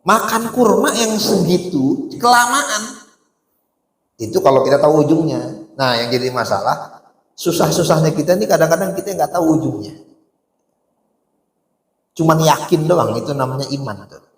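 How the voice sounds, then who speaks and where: A man's voice: fairly high pitch, expressive, fairly quick, pauses often, a little hiss or hum. A man preaching a casual sermon, telling stories with rhetorical questions to the audience and reciting Arabic. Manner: colloquial speech with Arabic recitation. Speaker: Islamic preacher. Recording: echoey hall reverb.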